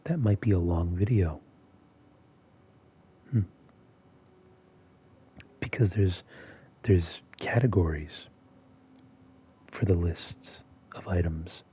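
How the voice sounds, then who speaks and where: A man hosting a video in a soft-spoken, half-monotone voice that is often whispered and slightly strained. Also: sits low, slow, pauses often, slightly rough, highs cut off. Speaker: video host. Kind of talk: soft-spoken ASMR-style commentary.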